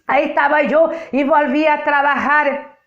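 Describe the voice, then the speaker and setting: Portuguese woman, non-native, emphatic testimony preacher; higher voice, muffled lo-fi recording. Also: steady tone, normal speed, a bit bright. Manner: emphatic, repeats phrases for effect. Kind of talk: spoken testimony sermon.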